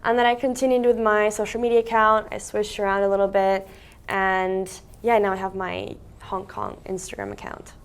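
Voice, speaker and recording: A woman's voice: mid-range voice, flat delivery, normal speed, clear, resonant tone. A young woman from Russia talks casually as an interview guest. Her speech is chatty and loose, full of "like" and "um." She sits at a table in an office meeting room. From Siberia, Russia. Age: young adult. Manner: chatty, lots of "like" fillers. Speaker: guest, content creator.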